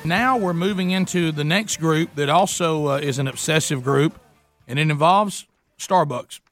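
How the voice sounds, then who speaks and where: A man's voice: on the high side, normal speed, fairly bright tone, soft background music. A man hosting a radio show in casual banter.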